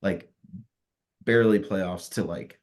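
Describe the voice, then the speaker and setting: Fired-up, swearing deep-voiced man. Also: steady tone, takes it slowly, darkish tone. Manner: profane, fired-up ranting. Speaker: podcast co-host. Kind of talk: casual sports chat.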